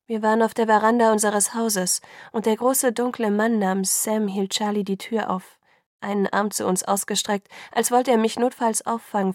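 A woman narrating a story in a subdued, hushed way, often sinking into a whisper. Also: medium pitch, no room sound, studio quality. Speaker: audiobook narrator. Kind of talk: scripted narration.

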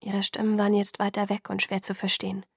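Woman reading a novel, gravelly and dry. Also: mid-range voice, completely flat delivery, fast talker, no room sound. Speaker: audiobook reader. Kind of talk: first-person novel narration.

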